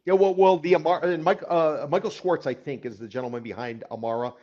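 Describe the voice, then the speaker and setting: A man's voice: fairly high pitch, quick pace, mellow. Male co-host, real estate chat, explanatory and wry, dull lo-fi audio. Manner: explanatory, sarcastic, repeats phrases. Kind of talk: casual talk show chat.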